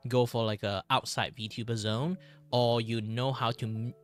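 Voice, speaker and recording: A man chatting casually as a streamer, rambling and halting as he repeats his phrases. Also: mid-range voice, fairly even intonation, soft background music. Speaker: VTuber streamer. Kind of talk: casual livestream chat.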